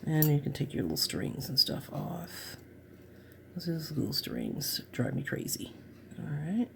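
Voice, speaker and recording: A woman's voice: deep voice, sing-song, unhurried, gravelly, noisy background. A woman chatting through a crafting tutorial, gushing over her work and dropping to murmurs as she works. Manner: chatty, gushing, drops to murmurs while working. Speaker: craft vlogger.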